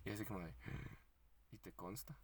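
A man with a Mexican accent co-hosting a podcast, retelling a story in slangy, animated casual chat and acting out the quotes. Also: lowish voice, fairly quick, husky. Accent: Mexican Spanish. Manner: frequent laughs and fillers like "este". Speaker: podcast co-host.

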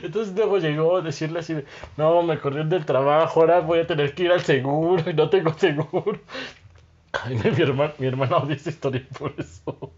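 A man's voice: on the high side, fairly quick, lo-fi sound. Laughing man telling a funny story. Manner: animated storyteller, laughs often, acts out quotes. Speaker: podcast co-host. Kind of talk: casual chat.

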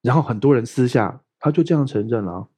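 A man's voice: medium pitch, fast talker, breathy edge. A middle-aged male pastor, preaching in a chatty sermon style and often asking if listeners follow. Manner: chatty, asks "you know what I mean?" often; animated, swings between loud and soft.

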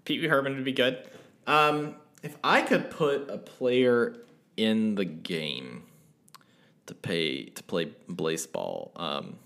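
A man's voice: fairly low pitch, takes it slowly, creaky, fairly bright tone. A man co-hosting a casual podcast, explaining things at length with lots of fillers and restarts. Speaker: podcast co-host.

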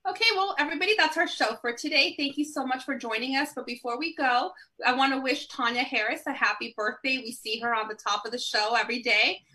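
A woman's voice: sits high, fast, few pauses, bright, forceful tone, poor audio. A woman hosting a talk show, upbeat as she wraps up and announces the next show. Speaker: host. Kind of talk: show sign-off.

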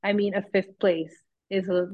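A young woman, a guest athlete chatting casually and telling an animated story with acted-out dialogue. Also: mid-range voice, moderate pace, narrow, tinny audio. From Sweden. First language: Swedish. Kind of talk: casual chat.

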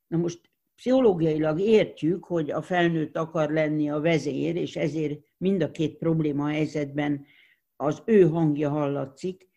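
A gravelly, dark, mellow voice explains things thoughtfully, with examples and restarts mid-thought. It comes through a dull, lo-fi recording. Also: medium pitch, fairly even intonation. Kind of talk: explanatory interview talk.

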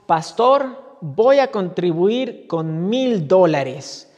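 A woman voicing a wealthy man who loudly shouts ever-bigger donation pledges, with long hall reverb. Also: on the low side, lively intonation, very slow, muffled recording. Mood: loud pledging. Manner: loud, insistent shouting. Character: wealthy man pledging louder each time.

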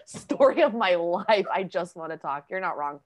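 A young woman co-hosting a podcast, telling a story in a casual, animated way and swearing freely. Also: on the low side, moderate pace. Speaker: podcast co-host. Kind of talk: casual chat.

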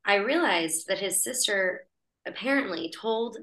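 Here a woman from the United States shares a personal anecdote on a podcast, laughing and keeping things light and conversational. Her pitch is medium and animated, her pace measured, and her tone slightly bright.

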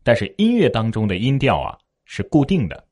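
A man giving a spoken pronunciation lesson, at a middle pitch. His voice swings very widely in pitch as he demonstrates each tone. He leads the listener through repeat-after-me drills. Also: huge pitch swings, a little fast, a little mellow, breathy edge, no echo, studio quality. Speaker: Mandarin pronunciation teacher.

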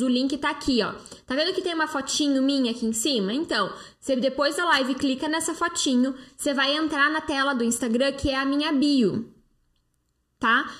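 High-voiced Brazilian woman hosting a live stream. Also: fairly bright tone. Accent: Brazilian Portuguese. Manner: chatty and persuasive, restarts and fillers like "né" and "tá". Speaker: live-stream host, detox coach. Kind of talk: live-stream talk answering viewer comments. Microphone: phone close-up.

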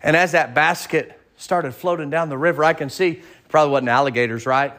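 A male pastor preaches a sermon, telling a story vividly, acting out voices, and asking the congregation rhetorical questions. His voice is fairly high, fairly bright, and a little fast.

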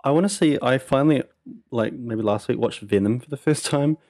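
A young man in relaxed casual chat, easygoing and agreeable. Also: medium pitch, brisk.

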